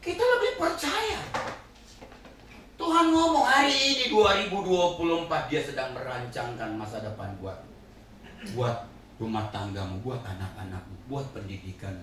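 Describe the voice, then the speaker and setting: An older male pastor preaching a sermon, swinging between hushed low passages and loud, laughing shouts. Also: expressive, normal speed. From Indonesia. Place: large church hall. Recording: echoey hall, distant mic, faint hiss.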